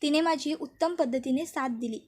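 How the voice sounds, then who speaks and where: A woman's voice: high-pitched, fairly quick, darkish tone, lightly acted. A woman voicing an earnest young woman lawyer. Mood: grateful.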